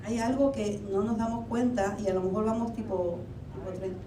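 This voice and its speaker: A woman from Argentina delivers a conversational sermon in an echoey church hall, posing rhetorical questions at a normal speed with fairly even intonation. The mic is distant and a faint rumble can be heard.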